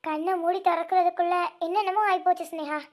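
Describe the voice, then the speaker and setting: A woman voicing a grieving young snake-woman who guards her younger sister, speaking with tearful, halting repeats in an amateur audio drama. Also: extremely high pitch, fairly even intonation. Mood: troubled.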